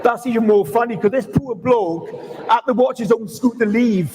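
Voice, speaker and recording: Welsh bloke w swansea accent, really high voice for a guy, doing standup anecdotes. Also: moderate pace, a little mellow, slight background noise. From Swansea, Wales. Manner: swears mildly, tells anecdotes with acted-out quotes. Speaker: stand-up comedian. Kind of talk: live stand-up storytelling. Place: live event at an indoor or covered market.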